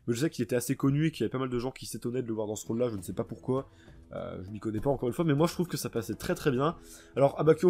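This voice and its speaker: A man's voice: mid-range voice, a little mellow. A man casually reviewing a dubbed anime, enthusiastic and rambling, with lots of fillers and restarts.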